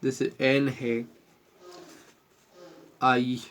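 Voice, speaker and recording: Slow, repetitive Indian male teacher. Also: mid-range voice, flat delivery, fairly bright tone. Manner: slow, repetitive, spells out letters. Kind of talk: slow classroom explanation.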